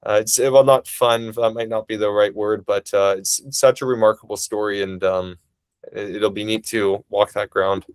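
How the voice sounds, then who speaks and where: A man presenting a family history webinar over a video call, talking quickly and casually, with frequent restarts. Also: on the low side, fairly even intonation, smooth, dry recording. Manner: talks quickly; casual, enthusiastic, many restarts.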